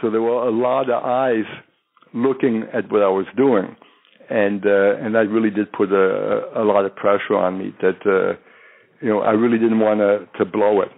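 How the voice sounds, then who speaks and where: A retired undercover agent in his fifties, born in France and raised in the United States with French as his native language, recounts cases in an interview. He rambles with many fillers and restarts, in a fairly low, level, gravelly voice at normal speed. The audio is tinny, like a phone line.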